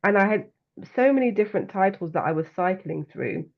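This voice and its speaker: London woman, earnest and measured. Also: medium pitch, lively intonation, gravelly, lo-fi sound. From London, England. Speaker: guest, author and coach. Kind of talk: conversational interview.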